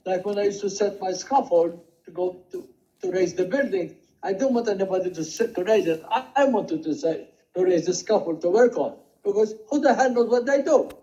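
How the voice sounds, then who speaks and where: An older man recounting his working life in a rambling, halting way, with many restarts and quoted dialogue. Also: sits high, expressive, warm tone. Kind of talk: rambling personal storytelling. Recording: dull lo-fi home recording.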